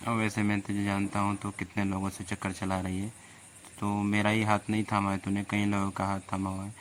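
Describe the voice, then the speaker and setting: A man talks casually and teases, taking a possessive tone. His voice sits low and barely moves in pitch. A faint noise runs behind him. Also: monotone, fairly quick. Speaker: host chatting with an AI girlfriend. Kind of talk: casual teasing chat.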